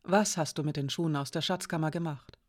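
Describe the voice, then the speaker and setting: A woman voicing a calm, cautious young woman in a storybook, speaking low, soft and careful. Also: normal speed, close to an everyday voice.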